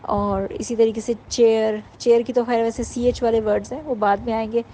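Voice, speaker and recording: A woman giving an informal workshop talk to mothers, explaining patiently and sounding out letters slowly. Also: on the high side, level tone, mellow, a little hiss or hum, low-quality recording. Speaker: parenting workshop teacher.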